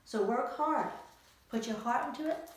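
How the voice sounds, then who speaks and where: An author talks to young readers about her own book, delivering an emphatic story with rhetorical questions. Her voice is on the high side at a normal speed. Captured far from the microphone in a very echoey space.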